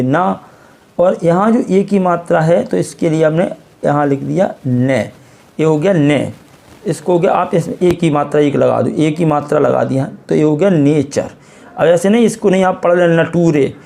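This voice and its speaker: Gravelly-voiced Indian man teaching phonics. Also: high voice, mellow. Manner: patient, repeats and quizzes the viewer. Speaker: English teacher. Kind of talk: classroom-style phonics lesson.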